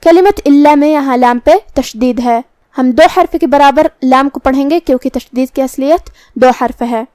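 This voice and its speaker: A woman teaching Quran recitation, explaining each letter patiently and reciting verses slowly and precisely. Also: high voice, mellow, no echo, studio quality. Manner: precise, patient, drawn-out articulation of each sound. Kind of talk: slow, careful tajweed lesson with recitation.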